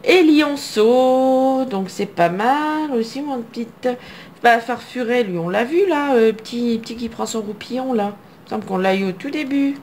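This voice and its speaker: A woman's voice: a little high, normal speed, a little mellow, slight background noise. A middle-aged woman from France opening trading card packs at home, chatting to herself as she reads out each card name. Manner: chatty, reading card names aloud, musing to herself. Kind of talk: casual card-opening commentary. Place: home, indoors.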